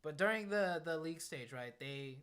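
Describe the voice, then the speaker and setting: A man's voice: a little high, lively intonation, moderate pace. A man doing conversational play-by-play and analysis of a shooter match, explaining the tactics as he goes. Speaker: esports commentator. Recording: clear noise, game gunfire and clicks. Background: gunfire and clicks from the game.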